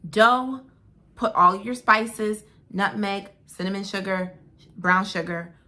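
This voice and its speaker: A woman with a bright, forward voice at an average pitch chats casually as a show co-host. She tells stories with emphasis and folksy asides to the listener. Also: slow. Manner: emphatic storytelling with folksy asides like "honey" and "baby". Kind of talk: casual chat.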